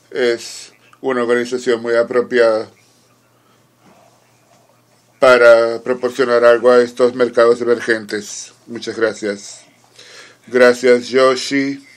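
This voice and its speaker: Working as a conference interpreter, a man with a mid-range voice gives a formal simultaneous interpretation. He speaks in short, measured phrases, pausing haltingly.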